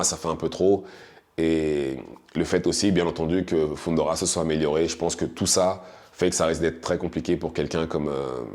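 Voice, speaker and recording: Male boxing commentator, deep voice, casual hesitant delivery with restarts. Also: a little mellow. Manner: hesitant, many restarts and fillers, conversational. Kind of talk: casual spoken analysis.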